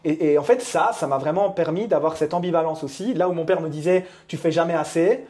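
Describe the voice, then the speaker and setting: A man's voice: a little high, mellow. A man in his thirties from Belgium, a coach talking candidly as a guest in a casual interview. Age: 30s. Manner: candid, confiding, fast.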